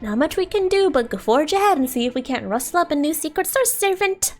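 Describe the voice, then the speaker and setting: A woman voicing a small, bossy, excitable fairy companion from a game, chirpy and pestering. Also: sits high, a little fast, voice pushed up. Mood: grumbling, resigned. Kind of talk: reading game dialogue aloud in character. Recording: game music under the voice.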